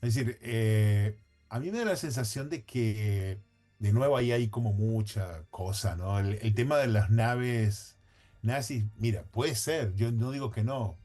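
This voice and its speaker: A man's voice: on the low side, a little slow, dark tone, faint music behind. A man talking as a podcast guest, thinking aloud in a hedging, conversational way with frequent restarts and self-corrections.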